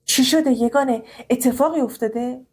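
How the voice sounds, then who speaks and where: A woman's voice: high voice, a little mellow, lightly acted. A woman voicing a stern, wealthy male university professor who talks in a serious, businesslike way.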